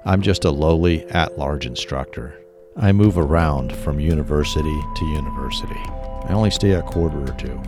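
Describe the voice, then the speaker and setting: A man's voice: very deep voice, moderate pace. A man voicing a paranoid middle-aged former tech worker who talks urgently and insistently, with music behind. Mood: earnest.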